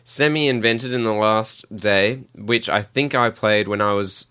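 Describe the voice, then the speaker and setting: A man's voice: on the low side, measured pace, bright, forceful tone, smooth. A man co-hosting a podcast, explaining a party game's rules in casual, giggly banter. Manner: explaining rules, laughing often. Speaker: podcast co-host running a game.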